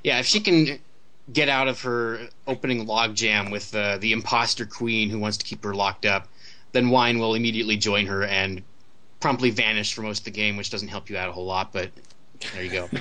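Bright-voiced, wry man chatting. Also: fairly low pitch, steady tone, brisk, poor audio. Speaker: panelist on a video game discussion. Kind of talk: casual chat.

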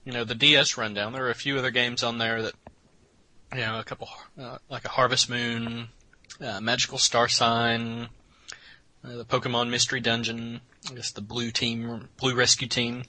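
Bright-voiced man hosting a podcast. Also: medium pitch, level tone, normal speed, dry recording, low-quality recording. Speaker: podcast host. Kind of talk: casual podcast chat.

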